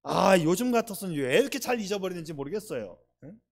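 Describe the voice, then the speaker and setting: A male pastor preaching a sermon, emphatic, swinging between loud stresses and soft asides, and putting rhetorical questions to the congregation. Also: high-pitched, lively intonation, quick pace, creaky.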